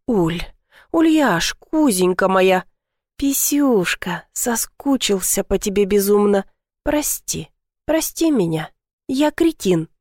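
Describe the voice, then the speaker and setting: A woman's voice: medium pitch, sing-song, slow pace, a little mellow, dry recording. A woman voicing a lovesick, pleading young man in an audiobook, dry recording.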